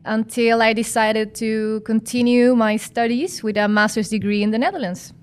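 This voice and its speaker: Woman guest, fairly high voice, chatty, hesitant phrasing. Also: fairly even intonation, normal speed, clear, resonant tone. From Chile. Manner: chatty, searching for words, laughs often. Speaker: guest, former physician and master's student. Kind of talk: podcast interview.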